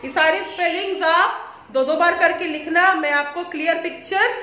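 A woman's voice: extremely high pitch, steady tone, sharp tone, reverberant. A woman teaching young children to read, sounding words out syllable by syllable and explaining patiently. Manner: slow, syllable-by-syllable spelling out. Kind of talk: reading lesson for children.

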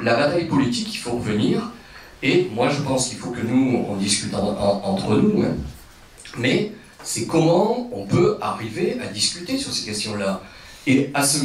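A man's voice: mid-range voice, a little hiss or hum. A man speaking off the cuff as a panel speaker at a political meeting, into a handheld microphone. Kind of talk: impromptu political speech. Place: indoor meeting hall. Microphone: handheld microphone, seated. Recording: very echoey room, distant pickup.

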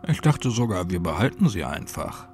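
A man's voice: low-pitched, very animated, moderate pace, darkish tone, faint music behind. A man voicing an easygoing, forgetful young boyfriend who jokes and turns sheepish, in a spoken horror story. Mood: joking.

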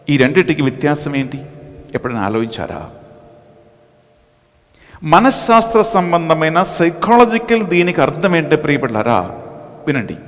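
A man, a priest, preaching a dramatic sermon, swinging between loud and soft. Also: a little high. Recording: long hall reverb.

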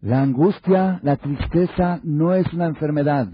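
A man's voice: fairly high pitch, moderate pace, slight background noise. A man giving a Torah lecture to an audience, asking many rhetorical questions and acting out little dialogues to make his points. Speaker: religious lecturer. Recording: dull lo-fi recording.

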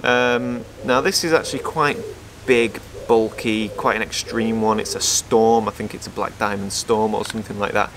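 Against a noisy background, an outdoor photographer and vlogger from England, in his thirties, talks through his hiking gear on a patio before a brick house, facing a nearby camera on a stand. He speaks at normal speed in a fairly low, fairly even voice, casual and upbeat with plenty of asides.

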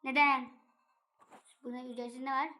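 A woman giving casual, playful commentary while playing a video game, chatty and excitable as she addresses her viewers. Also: sits high, moderate pace, faint music behind. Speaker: gaming channel host. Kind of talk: casual let's-play commentary.

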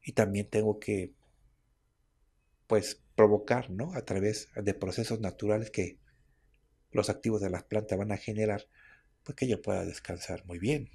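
Male radio host, husky fry in a lowish voice, conversational and explaining. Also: fairly even intonation, measured pace, pauses often, dark tone. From Mexico. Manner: chatty, explaining, with frequent tag questions. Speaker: radio host on herbal medicine. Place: radio studio.

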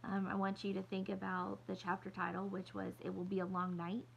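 Woman teacher, read-aloud lesson, explains as she goes, slight fry. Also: medium pitch, completely flat delivery, a little fast, lo-fi sound, slight background noise. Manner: stops to explain words and ask for predictions. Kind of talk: reading a novel aloud to students.

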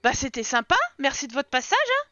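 A woman streaming a game live, with a high voice and a bright edge to it. She chats with viewers, laughs often and reacts out loud to the game. The sound is close and dry, a little dull. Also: sing-song, fairly quick, no room sound.

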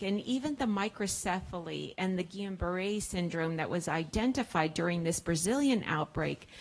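Middle-aged woman explaining to an audience. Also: fairly low pitch. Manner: plain, explanatory, with thoughtful fillers. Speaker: public health expert answering audience questions. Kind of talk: science cafe Q&A. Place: large indoor museum hall with seated audience. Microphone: handheld microphone.

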